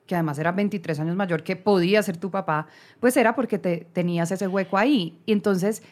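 A woman's voice: lowish voice, brisk, darkish tone. A woman hosting a casual interview podcast, who reflects aloud and affirms her guest. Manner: engaged, affirming, conversational. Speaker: podcast host.

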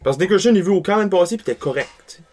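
A man's voice: sits high, expressive, quick pace, a little mellow. A man co-hosting a casual hockey podcast, laid-back, giving short replies and listing his picks. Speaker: podcast co-host.

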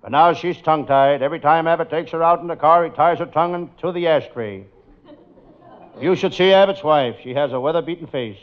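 An American actor playing an unflappable wisecracking detective in old-time radio comedy, delivering setups and punchlines. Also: male voice, a little high, fairly quick, natural voice. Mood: wry joking. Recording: dull lo-fi old radio, loud noise.

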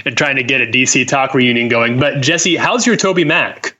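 A man co-hosting a podcast, teasing the others in lively banter. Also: medium pitch, normal speed. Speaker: podcast co-host.

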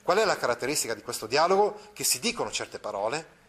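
A man's voice: mid-range voice, big pitch swings, quick pace, a bit bright. A male teacher giving a literature lesson, explaining a passage, paraphrasing it and asking questions, with occasional restarts.

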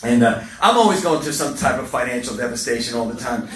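A man's voice: medium pitch, animated, quick pace, recorded from a distance, noisy background. A middle-aged man telling stories at a recovery meeting, passionate and humorous, repeating words for emphasis. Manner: passionate storytelling with repetitions and humor. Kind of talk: speaker share talk. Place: meeting hall. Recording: roomy echo from off-mic. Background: faint room ambience.

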